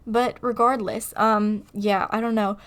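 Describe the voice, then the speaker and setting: A woman's voice: mid-range voice, little pitch movement, unhurried, a bit bright. A woman from California, chatting casually in a voice-over, rambling and laughing at herself as she talks. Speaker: video creator. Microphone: desktop mic on computer recording software.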